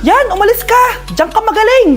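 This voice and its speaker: Woman acting a high-pitched, nagging Filipino mother. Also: lively intonation, a little fast. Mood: scolding. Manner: exaggerated, nagging delivery. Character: loud, scolding, gossipy Filipino mother. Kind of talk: acted short comedy skit. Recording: loud music under the voice.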